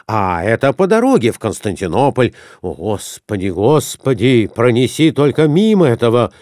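A man voicing a jittery middle-aged husband, fretful and hurried, pleading to get away fast. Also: mid-range voice, sing-song, a little mellow, no echo, clean studio sound, close to an everyday voice.

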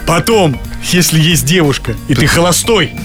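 A man's voice: on the high side, animated, normal speed, over music. Joking, rambling man in his fifties. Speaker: actor guest on a radio show. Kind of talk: casual radio interview chat. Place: radio studio.

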